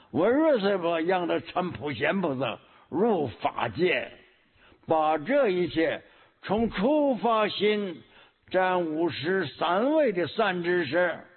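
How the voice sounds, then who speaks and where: A man giving a Buddhist sermon, teaching slowly and deliberately, often pausing with a hum and repeating key words. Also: fairly high pitch, breathy edge. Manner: slow, measured teaching with frequent hums and repetitions. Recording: tinny phone-like lo-fi recording.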